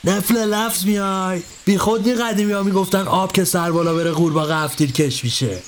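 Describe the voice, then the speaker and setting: A man voicing a gruff, bossy master snake catcher who scolds in crude old-fashioned slang. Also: sits high, a little hiss or hum, voice pushed up, lightly acted. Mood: scolding.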